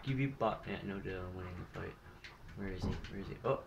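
A young man talks over his game footage in a loose, rambling way, cursing freely and getting worked up. His voice sits a little low. Plenty of noise runs under the recording. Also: quick pace, gravelly. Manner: profane, rambling, excitable. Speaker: gaming YouTuber. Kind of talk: gameplay commentary.

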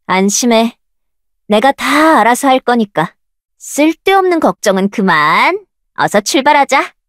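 A high, lively young woman's voice, proud and sure of herself. She barks commanding skill shouts in bold, confident bursts. The sound is close and dry, with no room around it. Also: unhurried, no room sound. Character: proud, confident young woman researcher of dark rift powers. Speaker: voice actress for a game character. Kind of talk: game voice lines, battle shouts.

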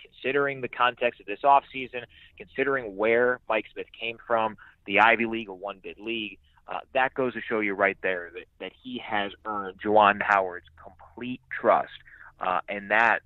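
Speaking at a moderate pace in a lowish, steady voice, a man guests on radio to offer conversational sports analysis, emphatic and prone to repeating phrases. There's no room sound, and the audio is muffled and band-limited, like a phone line.

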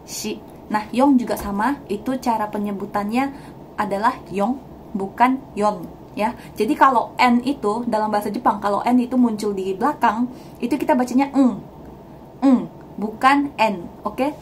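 A young woman giving a casual language lesson, chatty and laughing often, repeating words slowly for learners. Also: medium pitch, slight background noise. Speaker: Japanese language teacher.

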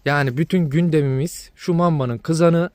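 A man's voice: a little high, moderate pace, darkish tone, no room sound. A man vlogging to his viewers about his dogs, venting in an exasperated way and repeating himself. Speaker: dog breeder vlogger. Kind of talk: casual vlog talk to viewers.

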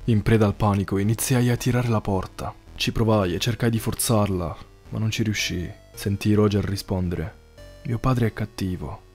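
Man reading a creepy story, low and mellow, slow and somber. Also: steady tone, faint music behind. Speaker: horror story narrator. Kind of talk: scripted horror narration.

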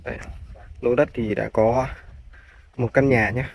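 A man's mid-range voice holds a steady tone at a measured pace as he narrates, as a real estate agent, a polite walk-through of farmland for viewers. He films outdoors on a handheld phone, and the audio has its highs cut off along with clearly audible background noise.

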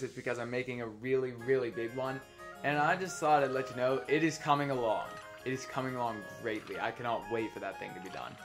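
A teenage boy hosting a let's play, chatting casually with lots of ums and a slight lisp from a retainer. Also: mid-range voice. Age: teens. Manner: chatty, rambling with many ums. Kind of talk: casual gameplay commentary.

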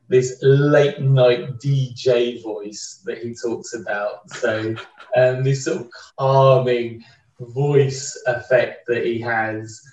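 A man as a podcast guest, talking through a book in a thoughtful, casual way with frequent restarts. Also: mid-range voice. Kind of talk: casual conversational book discussion. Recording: roomy, distant, dull remote mic.

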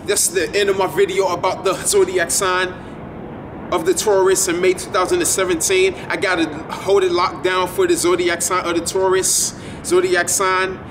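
A man's voice: high voice, little pitch movement, normal speed. A man in his twenties talking casually to the camera outdoors at night, rambling and repeating himself. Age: 20s. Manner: rambling, repetitive, laid-back. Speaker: vlogger. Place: outdoors at night in front of a building. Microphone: camera a few feet away. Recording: distant camera mic, street noise.

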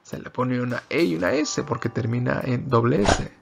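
A man's voice: mid-range voice, moderate pace, gravelly, over music. A man teaching an English lesson in Spanish, explaining grammar patiently and repeating example sentences in both languages.

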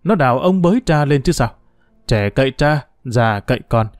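A man narrator voicing a quick-tempered seventy-year-old village man who scolds his wife. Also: mid-range voice, animated, no echo, studio quality, lightly acted. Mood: indignant. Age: 70s.

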